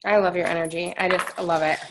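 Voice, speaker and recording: A woman hosting a call, speaking softly and encouragingly as she asks the guest questions. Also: on the low side, flat delivery, brisk, background noise. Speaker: call host.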